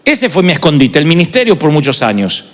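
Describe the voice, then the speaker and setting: A man's voice: fairly high pitch, very animated, fairly quick, big-room sound. A male pastor preaching a sermon, confessional and dramatic in his storytelling. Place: large church arena.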